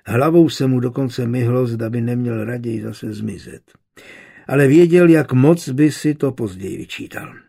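A male narrator reads a historical novel in a measured, steady way. His voice is gravelly with a husky edge, pitched in the middle range for a man. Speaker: audiobook narrator.

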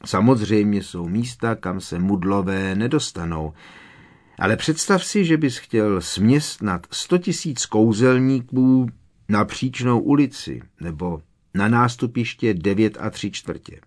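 A kindly middle-aged wizard father explaining patiently, read by a man. The voice stays low and calm. Storybook reading. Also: close to an everyday voice.

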